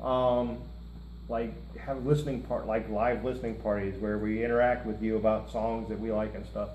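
Seated at a table in front of a lit curtain in an indoor room, this middle-aged co-host of a music reaction show rambles casually, tossing in jokes. His voice runs low with little pitch movement at normal speed, on lo-fi audio with roominess and a faint hiss.

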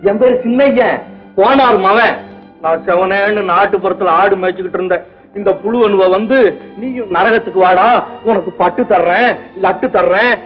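An actor playing a naive young village shepherd, talking in a broad, excitable country dialect. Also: male voice, high voice, lightly acted. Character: naive rustic young male shepherd, humble and guileless. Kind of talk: 1960s film acting. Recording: muffled old film soundtrack with music.

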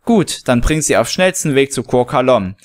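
A man's voice: medium pitch, animated, normal speed, natural voice. A man reading aloud and voicing a cool, demanding male camp leader who gives clipped orders. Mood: commanding.

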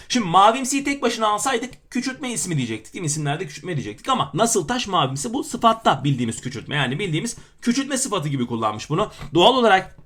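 A man's voice: fairly high pitch, fairly bright tone. A man teaching grammar by working through exam questions, with playful self-mocking asides between emphatic explanations. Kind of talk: exam question walkthrough lesson.

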